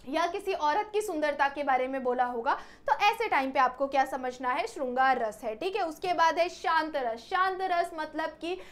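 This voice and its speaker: Young woman, high voice, teaching exam grammar, asks and answers her own questions, says okay a lot. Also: moderate pace, few pauses, fairly bright tone. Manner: repeats "ठीक है" often, mixes English words in. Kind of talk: exam-prep grammar lesson.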